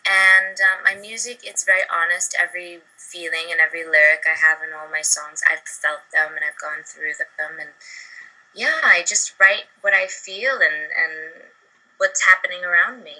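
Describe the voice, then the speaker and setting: Bright-voiced young woman on a video call. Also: fairly low pitch, steady tone, moderate pace, low-quality recording. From Barbados. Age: young adult. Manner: chatty, upbeat, many fillers. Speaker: singer interviewee. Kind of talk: casual interview over video call.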